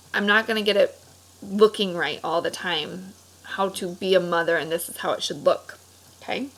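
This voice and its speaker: In a rough recording, a woman with a mid-range, somewhat bright voice acts as an elementary teacher leading a read-aloud discussion lesson for children. She uses simple, encouraging, explanatory words pitched at kids, with frequent questions and check-ins.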